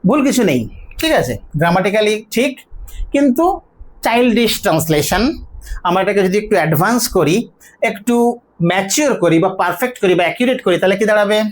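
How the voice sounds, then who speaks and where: A teacher giving a spoken grammar and pronunciation lesson, explaining step by step, asking questions and answering them, and saying model words slowly and drawn out. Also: mid-range voice, expressive, a little hiss or hum. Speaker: English teacher.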